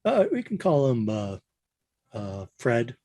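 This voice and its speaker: A man's voice: mid-range voice, wildly swooping pitch, takes it slowly, warm tone, no echo, studio quality. A man playing a tabletop game, hesitantly thinking aloud as he improvises his story in casual talk.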